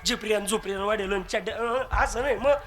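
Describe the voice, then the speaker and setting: A man's voice: high voice, fairly quick. A man preaching a devotional kirtan, telling stories with humor, acting out dialogue and asking the crowd for agreement. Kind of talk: devotional kirtan sermon with storytelling.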